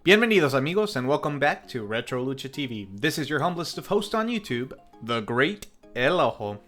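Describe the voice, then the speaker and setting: Brisk and very animated, this film review host reads scripted narration in a chatty, conversational way straight to his viewers. His voice is medium in pitch with a fairly bright tone, and music runs under it.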